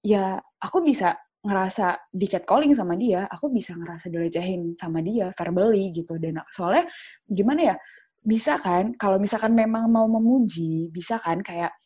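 Brief: woman panelist, dark husky voice, chatty and filler-heavy. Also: medium pitch, animated, normal speed. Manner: chatty, repeats fillers like gitu and kayak. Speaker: discussion panelist. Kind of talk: casual discussion.

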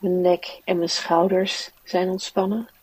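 A woman guides a relaxation exercise in a soft, soothing voice. Her tone is husky and stays level, with little rise or fall. She takes each phrase slowly. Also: on the low side, flat delivery, distant mic, rough recording. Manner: soft, slow, soothing guiding delivery. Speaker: mindfulness teacher and meditation guide.

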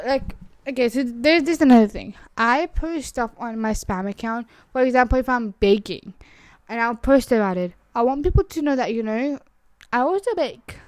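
On her own casual podcast, a young Urdu-accented woman talks loosely, peppering her speech with "like" and frequently starting over. Her slightly high voice is smooth and clear with a darkish tone, and the close, dry recording has no room sound.

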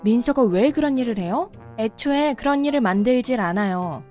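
A woman's voice: a little high, expressive, moderate pace, mellow, lightly acted. A woman voicing a respectful yet insistent daughter-in-law and mother, in a cartoon drama. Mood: firm. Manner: polite, respectful, growing insistent. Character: daughter-in-law, polite but firm mother. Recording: faint background music.

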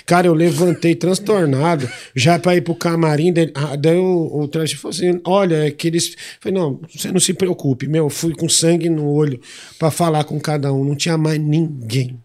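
A man's voice: fairly high pitch, steady tone, normal speed, darkish tone. A man with a Brazilian accent, a podcast guest telling stories casually and animatedly, swearing freely and acting out the people in his stories. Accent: Brazilian Portuguese. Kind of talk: casual storytelling.

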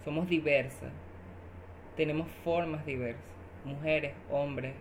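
Unhurried and fairly even in intonation, this low-voiced woman is a podcast guest chatting casually. She agrees with the host a lot, speaks emphatically, and repeats phrases, while a crowd can be heard in the background.

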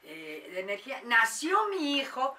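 Bright-voiced woman telling a story. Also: a little high, unhurried, far from the mic, a little hiss or hum. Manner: animated, acts out quoted voices. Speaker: mother telling a paranormal story. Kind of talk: casual storytelling.

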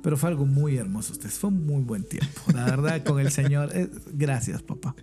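A man on a podcast, telling lively anecdotes in casual chat and laughing often as he goes. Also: medium pitch, normal speed. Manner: animated, laughs while telling stories. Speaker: podcast guest. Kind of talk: casual storytelling.

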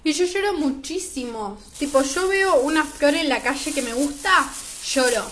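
A teenage girl with a high voice and a Rioplatense Spanish accent, chatting emphatically in a casual spoken diary. Her voice sits in an echoey room with a faint hiss underneath. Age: teens. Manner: chatty and emphatic, talking while eating. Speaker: vlogger.

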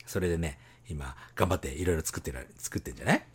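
A man co-hosting a casual podcast chat, animated and teasing, laughing often. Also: sits low, rapid-fire, slightly rough. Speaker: podcast co-host.

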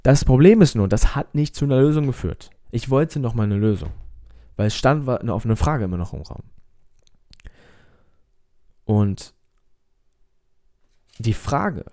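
A man's voice: medium pitch, lively intonation, measured pace, pauses often, mellow, no echo, clean studio sound. A man speaking as a self-help coach with an American-tinged accent in his German, giving an emphatic, repetitive motivational talk straight to the listener. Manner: emphatic, repeats himself, direct address.

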